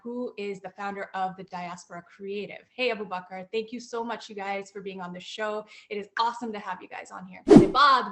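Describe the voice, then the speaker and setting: A woman with a bright, clear voice hosts a casual roundtable. She is upbeat and chatty and greets guests warmly by name. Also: medium pitch. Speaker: host. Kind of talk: casual talk-show hosting.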